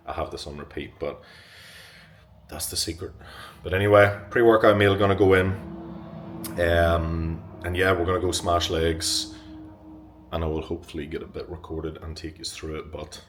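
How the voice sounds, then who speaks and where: A young man talking casually to camera as a fitness vlogger, upbeat and chatty and swearing freely. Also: deep voice.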